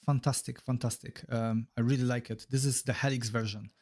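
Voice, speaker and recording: Chatty and Polish-accented, this man from Poland speaks fairly quickly in a steady, mid-range, slightly mellow voice. As a streamer giving live gameplay commentary, he reacts aloud to the match and chats with viewers, peppering his talk with "bro" and "man."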